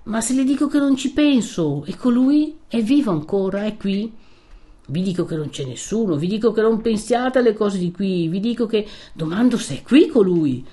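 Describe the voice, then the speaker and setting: A woman's voice: medium pitch, expressive, brisk, hardly any pauses, warm tone, pitched above the performer's own voice, close to an everyday voice. A woman voicing a stubborn young peasant man who keeps pressing with urgent questions. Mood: insistent.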